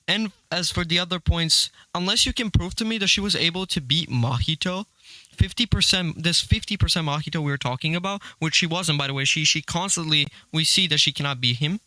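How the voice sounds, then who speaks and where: A man's voice: on the high side, fairly quick, sharp tone, no room sound, rough recording. A young man arguing his points in a casual online debate on a voice call, dismissive and insistent. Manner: argumentative, dismissive.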